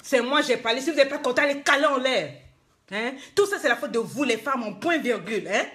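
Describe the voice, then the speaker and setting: A woman's voice: high-pitched, expressive, a little fast, fairly bright tone. Scolding woman coach. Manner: scolding, emphatic, rhetorical questions. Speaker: life coach. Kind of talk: live-streamed motivational talk.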